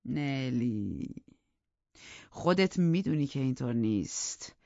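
A man's voice: animated, vocal fry, a little mellow, dry recording. Guy reading a bitter brooding young man, scornful and intense, dry dull audiobook sound. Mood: obsessive. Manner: intense, scornful, with low whispered asides.

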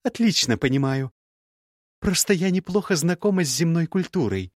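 Rich: An icy young sorceress, as a male reader puts her on, scornful and mocking, her voice pitched high and swinging widely as she cuts her former lover down. The recording is dry and close, with no room sound. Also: animated, moderate pace, no room sound. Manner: cutting, mocking, icy sarcasm. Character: sharp-tongued sarcastic young woman mage. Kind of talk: audiobook character voice.

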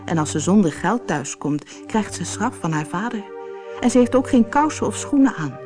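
A woman voicing a gentle sorrowful prince. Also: mid-range voice, very animated, normal speed, over music, pitched above the performer's own voice, natural voice. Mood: pleading. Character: kind statue prince, gentle and sorrowful man.

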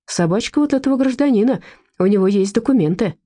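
A woman's voice: a little high, lively intonation, fast, mellow, voice pushed up. A woman voicing a lazy, indifferent male police lieutenant with an offhand official manner. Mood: bored.

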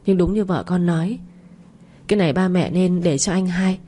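A polite son-in-law thanks his family and humbly declines. A woman narrator reads him with a low, dark voice. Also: moderate pace, lightly acted. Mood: humble. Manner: humble, courteous.

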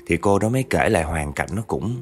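A man's voice: low-pitched, animated, a little fast. A man telling a family story in a chatty way, often speaking straight to the listeners. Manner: chatty, addresses listeners directly. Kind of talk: narrating a true spooky family story.

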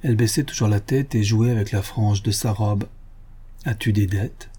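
A man narrating a novel in the first person in a measured, even reading. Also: lowish voice, breathy edge. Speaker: audiobook narrator.

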